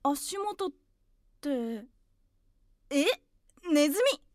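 A woman's voice: sits high, animated, extremely slow, a little mellow, no echo, studio quality, exaggerated voice. A woman playing a polite, timid young boy in an audio drama, acting and narrating in the first person. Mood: flustered.

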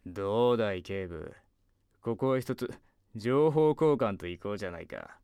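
A man's voice: lowish voice, expressive, moderate pace, mellow, clean tone, no echo, highs cut off. A man playing a laid-back, wry private detective in an audio drama, talking in a cool, casual noir manner. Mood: cool, bargaining.

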